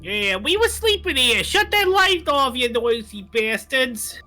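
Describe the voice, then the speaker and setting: A man's voice: very high voice, very animated, unhurried, pushed and bright, soft background music, pitched above the performer's own voice, exaggerated voice. A man putting on the voice of a grumpy, rude bat that has been woken up, in a fan voice drama. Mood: annoyed. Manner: rude and cranky. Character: grumpy, sleepy cave bat.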